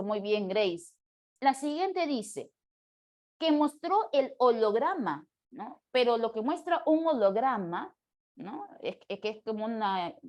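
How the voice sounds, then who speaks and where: A woman language teacher going over quiz answers with her class, explaining each one patiently and often checking in with short questions to the students. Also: fairly high pitch.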